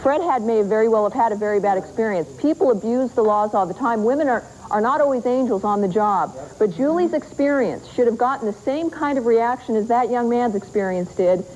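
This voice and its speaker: A woman's voice: a little high, darkish tone, highs cut off, slight background noise. Assertive woman on a worn tape copy. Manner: assertive, argumentative. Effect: worn VHS tape copy. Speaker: advocacy group leader on a talk show panel. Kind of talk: panel debate.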